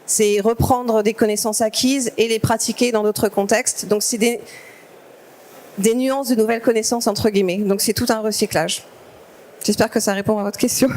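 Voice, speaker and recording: A woman's voice: a little high, fairly even intonation, normal speed, darkish tone. A woman speaking at a conference, answering audience questions in an explanatory way with many fillers and restarts. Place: conference stage.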